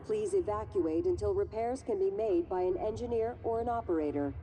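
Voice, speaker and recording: A woman voicing a calm female ship computer that gives even, automated warnings in a video game. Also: medium pitch, fairly quick, slight background noise, natural voice.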